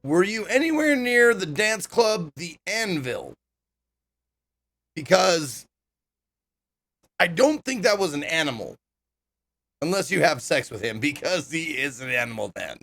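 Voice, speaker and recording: A man's voice: on the high side, sing-song, a little slow, creaky, long pauses, fairly bright tone. A man giving casual, irreverent commentary over a game, swearing freely. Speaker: gaming streamer.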